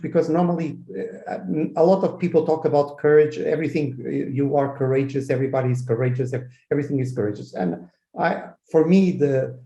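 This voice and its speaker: A man from Portugal hosting a casual online interview, halting and restarting as he makes his points. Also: a little high, warm tone, echoey room, lo-fi sound. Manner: halting, restarts often, speeds up when making a point. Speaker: host.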